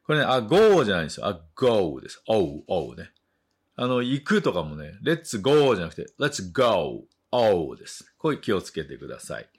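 Male English tutor, lowish and very animated in pitch, unhurried, models each word for listeners to repeat. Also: husky. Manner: slow, deliberate modeling of words for learners to repeat. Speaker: English teacher. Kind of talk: bilingual story reading and pronunciation drill.

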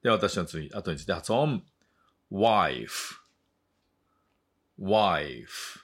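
A man teaching English, reading a story line by line in two languages and then slowly modeling words for learners to repeat after him. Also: low voice, animated, slightly rough. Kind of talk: bilingual story reading and pronunciation drill.

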